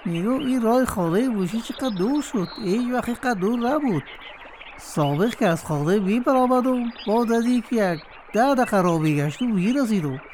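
A woman's voice: fairly high pitch, animated, darkish tone, a little hiss or hum, close to an everyday voice. A woman with an Afghan Dari accent voicing a forgetful little rabbit who has lost her way and pleads for help. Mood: fretful. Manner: fretful, talks to herself, pleading. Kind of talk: children's cartoon voice acting.

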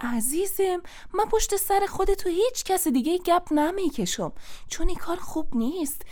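A woman with an Afghan Dari accent hosting a children's show, gently explaining and soothing. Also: very high voice, lively intonation. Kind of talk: scripted children's TV chat.

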